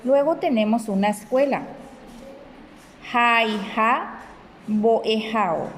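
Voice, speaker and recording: A woman teacher, speaking slowly and deliberately to children in a recorded lesson, spelling out syllables one by one. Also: a little high, a little hiss or hum, poor audio. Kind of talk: slow recorded remote lesson.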